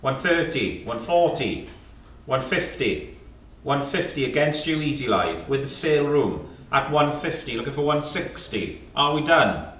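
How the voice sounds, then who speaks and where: Picked up on a distant mic in an echoey indoor auction room, this British auctioneer of antiques calls out lots and rising bids in clipped figures, repeatedly nudging the room. His pitch is medium but swings widely, his pace measured, his tone fairly bright, with slight background noise.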